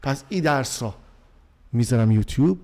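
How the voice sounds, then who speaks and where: A man with a Persian accent, a Persian-speaking teacher explaining English vocabulary to students. He reads English sentences slowly and then translates them. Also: mid-range voice, animated, darkish tone. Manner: addresses the class as kids.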